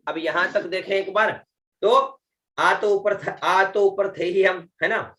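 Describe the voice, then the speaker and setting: A man with a high, bright voice leads a slow chanting lesson. He drags each syllable out at a very unhurried pace. Between the demonstrations he explains pronunciation patiently and often checks that the listener is following. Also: fairly even intonation. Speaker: Vedic chanting teacher. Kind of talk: online recitation lesson.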